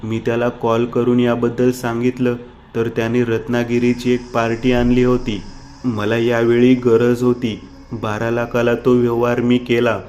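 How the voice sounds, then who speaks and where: A man's voice: medium pitch, completely flat delivery, a little slow, a little mellow, a little hiss or hum, close to an everyday voice. A man voicing a vengeful schemer who speaks coldly and matter-of-factly.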